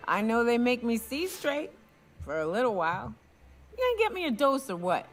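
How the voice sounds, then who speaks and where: An actress playing a drunk, boastful big game hunter in a video game, with a rambling, tipsy barfly drawl. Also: female voice, a little high, big pitch swings, moderate pace, soft background music. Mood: tipsy, coaxing.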